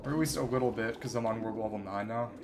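A fast-talking man with a fairly low voice rambles through casual live commentary while playing a video game, thinking aloud as he goes. There's background noise along with the game's music.

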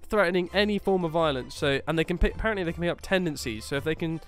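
Casting: male tech podcast host, fairly high, smooth voice, faint music underneath. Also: racing. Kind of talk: casual podcast chat.

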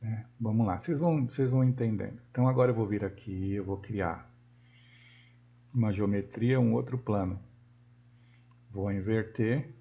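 A Brazilian man with a Brazilian Portuguese accent gives a screen-recorded software tutorial, thinking aloud as he works and correcting himself often. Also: fairly low pitch, moderate pace, vocal fry, pauses often. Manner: thinks aloud while working, with frequent self-corrections. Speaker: software instructor. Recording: dull lo-fi sound.

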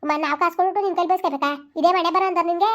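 A woman's voice: extremely high pitch, fairly even intonation, rapid-fire, fairly bright tone. A woman playing an angry village moneylender who scolds and threatens a debtor in a village drama. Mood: scolding.

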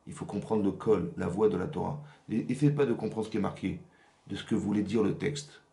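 Rabbi, male, gravelly, low-pitched, quick delivery; teaching a class in an echoey room. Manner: animated, asks "vous avez compris?" often. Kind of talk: religious lesson to women. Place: rented workshop room.

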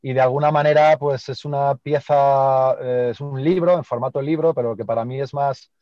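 A man on a video call, talking thoughtfully about his photographs and often pausing to search for words. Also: medium pitch, fairly even intonation, dry recording, muffled recording. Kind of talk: reflective video call conversation.

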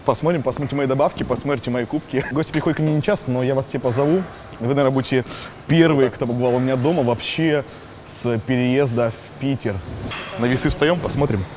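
A man's voice: mid-range voice, quick pace. A man in his twenties, a bodybuilder, chatting casually and talking straight to viewers in a gym. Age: 20s. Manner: chatty, addresses viewers directly. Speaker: bodybuilder guest. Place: indoor gym.

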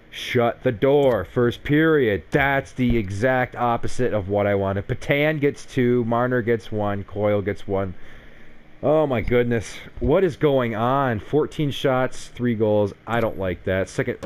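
A man's voice: medium pitch, unhurried. A young man giving casual, sarcastic gameplay commentary on a hockey game, swearing freely when frustrated. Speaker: gaming YouTuber.

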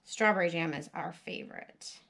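A woman's voice: on the low side, normal speed, creaky, a bit bright, rough recording. A woman casually narrating a home cooking project in her kitchen, practical and chatty, thinking aloud as she works. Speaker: home cook and homesteading vlogger. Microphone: camera mounted above the stove and counter.

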